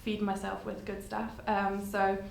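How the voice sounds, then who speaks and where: A German woman in her twenties is a guest on a podcast, chatting casually and using lots of fillers. Her medium-pitched, creaky voice is completely flat and measured in pace. The room is echoey with faint noise.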